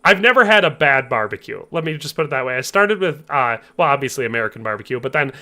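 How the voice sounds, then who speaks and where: Chatty, bright-voiced streamer man. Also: mid-range voice, sing-song, fast talker. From US Upper Midwest. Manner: chatty, laughs easily, reads chat aloud. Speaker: game streamer. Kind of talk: casual livestream chat.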